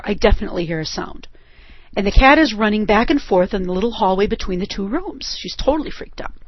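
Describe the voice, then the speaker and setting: Woman professor, lively storyteller lecturing a class, flat dry lo-fi recording. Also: mid-range voice, dry recording. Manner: animated storyteller, often checking in with "okay?". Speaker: professor teaching law. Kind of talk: lecture with a personal anecdote. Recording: dull lo-fi recording.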